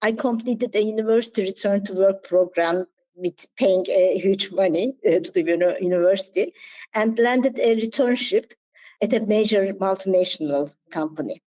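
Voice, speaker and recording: A woman from Turkey speaks with a Turkish accent in an interview. Her voice is mellow and dark-toned. She tells her story with reflective candor and small slips in her English. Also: medium pitch, normal speed, low-quality recording. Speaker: guest. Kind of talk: interview conversation.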